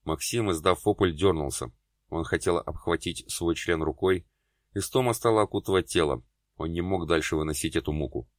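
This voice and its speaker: Male audiobook narrator, very low voice, even scripted delivery. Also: normal speed, dry recording, clean studio sound.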